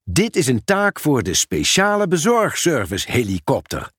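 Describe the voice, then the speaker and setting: A man's voice: fairly high pitch, huge pitch swings, unhurried, fairly bright tone, slightly rough, dry recording, clean studio sound, full character voice. A man voicing a cheerful, helpful village postman in a storybook reading.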